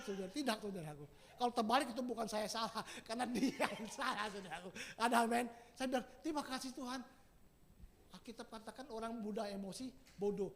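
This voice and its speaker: A male preacher giving a sermon to a congregation, swinging from loud emphatic shouts down to quiet, folksy asides with chuckles. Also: a little hiss or hum. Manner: rises to loud emphatic shouts, then drops low.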